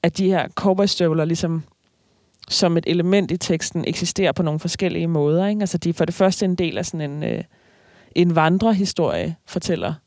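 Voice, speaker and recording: A writer reading aloud slowly from a novel, then talking about the book with hesitant fillers. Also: medium pitch, lively intonation, darkish tone, no room sound, studio quality. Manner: slow, measured reading with hesitant fillers in discussion.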